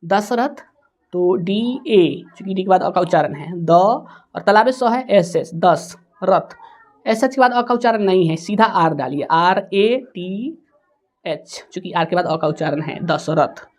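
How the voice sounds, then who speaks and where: Slow, deliberate woman teaching spelling. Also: fairly low pitch, darkish tone. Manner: slow, spells words letter by letter. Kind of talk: spelling lesson for students.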